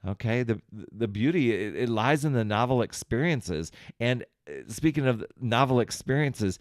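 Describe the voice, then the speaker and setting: This podcast host offers self-help in a fairly low voice, addressing the listener directly with friendly, encouraging coaching. The recording is dry and of studio quality.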